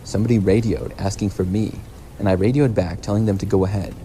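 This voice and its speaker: A man narrating a scripted first-person story in a measured, plain storytelling delivery. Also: on the low side, steady tone, dark tone, a little hiss or hum, rough recording. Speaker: narrator of horror stories.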